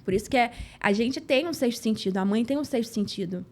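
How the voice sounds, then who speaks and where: A woman's voice: on the high side, expressive, fast, darkish tone, a little hiss or hum. A woman, a podcast guest telling a personal story earnestly and acting out the dialogue. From São Gonçalo, Rio de Janeiro state, Brazil. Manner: acts out dialogue, earnest and emotional.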